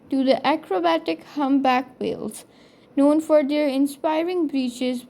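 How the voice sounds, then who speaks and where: Woman doing nature video voiceover, pretty high voice but soft-edged and mellow, scripted and earnest. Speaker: nature video narrator and host. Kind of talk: scripted documentary narration.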